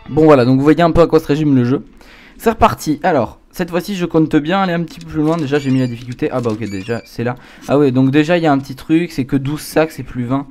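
A man's voice: fairly high pitch, fast, a little mellow, faint music behind. A man giving casual horror game commentary, a scared, jumpy gamer reacting aloud as he plays. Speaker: video game streamer. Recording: clear background noise.

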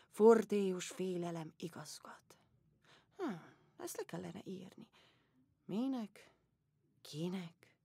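An actress playing a weary aging empress in a one-woman audio play, speaking softly and musingly, often sinking into whispers. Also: mid-range voice, no room sound, studio quality, close to an everyday voice. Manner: soft, musing, drifting into whispers. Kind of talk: theatrical monodrama audiobook.

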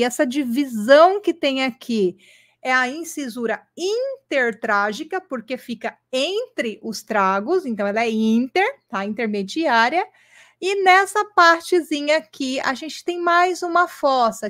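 A woman teacher giving an online lesson, speaking patiently and checking in often with her students. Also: high voice. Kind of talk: online lesson with screen drawing.

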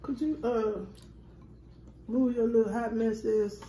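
A woman's voice: a little high, steady tone, slow, warm tone, a little hiss or hum. Chatty woman in an echoey room. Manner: chatty, addresses viewers as "y'all". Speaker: vlogger. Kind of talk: casual chat. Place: home dinner table.

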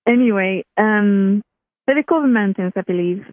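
Her mid-range voice moves at a normal speed as she recounts a personal story, chatty and often beginning sentences again. She's a Chilean guest in a casual interview, recorded by telephone with a dry, tinny sound and no echo.

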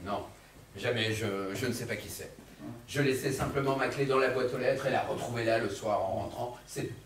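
Actor as an evasive, smooth notary clerk. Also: male voice, mid-range voice, brisk, a little hiss or hum, close to an everyday voice. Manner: evasive, slightly stammering explanations. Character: ambitious, smooth-talking young male notary clerk. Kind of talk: amateur stage comedy. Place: theatre stage. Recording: echoey hall from far off.

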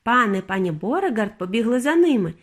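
Mom reading a bedtime story aloud, high voice, super lively. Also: female voice, brisk. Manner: expressive storytelling. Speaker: narrator, mother reading to her daughter. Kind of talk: bedtime audiobook narration.

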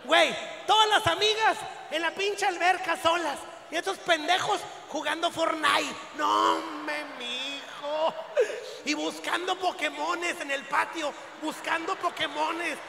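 A man with a Mexican accent doing a crude, rowdy stand-up routine for a live crowd, often breaking into shouts. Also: very high voice, fairly even intonation, slow, creaky, slight background noise. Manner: vulgar, rowdy, bursts into shouting. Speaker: stand-up comedian. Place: live show venue at a fair. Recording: echoey live hall with long reverb.

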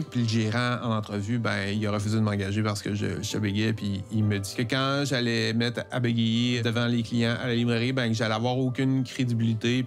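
A man's voice: fairly low pitch, vocal fry. A middle-aged man with a Québécois accent telling his own story, stuttering with frequent repeated words and sounds. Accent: Québécois French. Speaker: interviewee, comic book author. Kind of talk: personal testimony.

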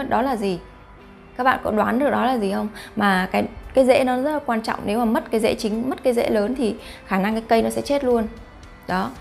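A woman's voice: medium pitch, creaky, darkish tone. A woman vlogger talking casually to her viewers, often asking them rhetorical questions. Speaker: YouTube vlogger host. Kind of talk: talking to camera about face reading.

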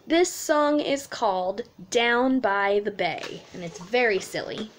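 Speaking at medium pitch and a slow pace, a woman in her thirties who teaches music to children leads a story time and sing-along from a small indoor room at home, explaining things in a simple, animated way for young kids.

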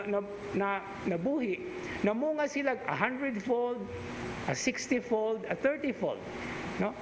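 A middle-aged priest with a Cebuano Filipino accent giving a conversational, teacherly homily, dropping into Cebuano asides. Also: male voice, extremely high pitch. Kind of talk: sermon. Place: chapel altar, indoors. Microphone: stand mic at pulpit. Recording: echoey church with background hiss.

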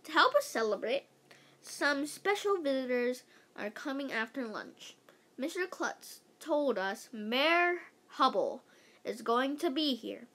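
A woman with a fairly high voice reads a children's book aloud with animation, occasionally tripping over words and tossing in casual asides.

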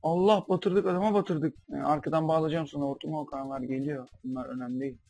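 A man's voice: a little high, steady tone, fast, dry recording, faint music behind. Joking young man, dry close mic. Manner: jokey mock-doctor banter, sudden loud outbursts. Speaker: gameplay commentator. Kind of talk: comedic game commentary.

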